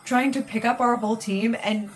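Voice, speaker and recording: A woman's voice: a little high, fairly even intonation, moderate pace. Chatty, teasing woman watching a game. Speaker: co-host watching a video game. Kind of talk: casual gameplay chat. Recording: faint game music behind.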